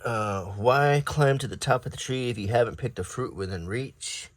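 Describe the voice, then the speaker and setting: Paging through an old newspaper, a man reads it out at a moderate pace with casual, understated ASMR delivery and stray comments along the way. The recording is dry.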